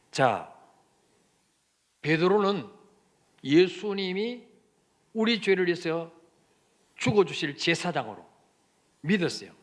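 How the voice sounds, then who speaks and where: Middle-aged male pastor, high animated voice, questioning congregation mid-sermon. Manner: lively preaching, asks the congregation questions, acts out quoted lines.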